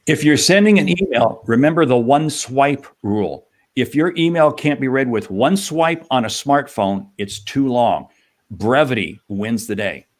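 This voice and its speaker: A man with a mid-range voice co-hosts a sales podcast, speaking at a measured pace. His delivery is emphatic, punchy, and animated, full of energetic sales talk.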